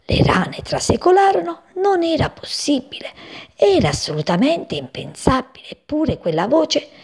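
A woman reading a children's story aloud in an expressive way and giving each animal its own voice. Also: sits high, moderate pace.

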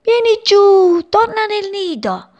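Woman doing mother sparrow, anxious, calling high, urgent, storybook. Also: animated, takes it slowly, vocal fry, dull audio, heavily acted.

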